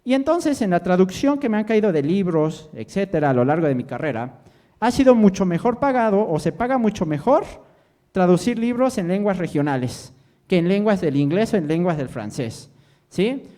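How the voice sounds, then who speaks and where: Animated man lecturing. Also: high voice, normal speed. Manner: quizzes the audience with constant "¿sí?" and jokes. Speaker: language teacher giving a lecture. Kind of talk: interactive lecture to students.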